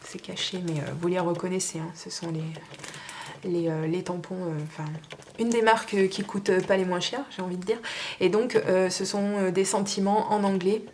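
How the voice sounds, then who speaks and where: A woman's voice: medium pitch, normal speed, darkish tone, a little hiss or hum. A woman casually showing and pricing her craft stamps one by one, talking in a hesitant, chatty way with many fillers. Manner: chatty and informal. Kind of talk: casual show-and-tell sale.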